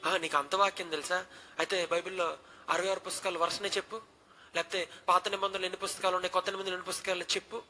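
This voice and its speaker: Guy putting on a scary strict school dean, loud, higher voice, rattling off questions quick, bright edgy tone. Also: a little hiss or hum, full character voice. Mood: stern grilling. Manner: loud, rapid-fire interrogating. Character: stern, intimidating male school dean grilling a boy.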